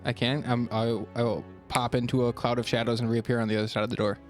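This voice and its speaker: A man's voice: mid-range voice, little pitch movement, fast talker, faint music behind. A man playing a tabletop game, chatting casually and hesitantly with frequent restarts and laughter. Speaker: player.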